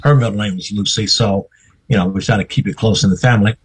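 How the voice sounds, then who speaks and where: An older man, a guest on a radio interview, telling his life story slowly and reflectively. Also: fairly low pitch, husky, poor audio. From North Carolina, US. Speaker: guest, veteran newsman.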